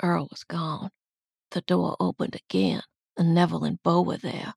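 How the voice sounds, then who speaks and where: Brief: expressive audiobook narrator, a woman with a low, husky voice, dry close recording. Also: normal speed, no room sound. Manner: expressive, dramatic reading. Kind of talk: first-person audiobook narration.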